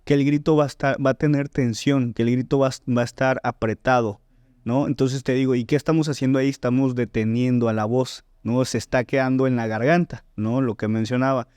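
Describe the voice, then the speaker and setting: The recording is dry, capturing a man's medium-pitched, darkish, smooth voice with fairly even intonation and a fairly quick pace. As a voice teacher and singer on a podcast, he explains technique in a teaching manner, often checking in with "¿no?" and "¿sí?".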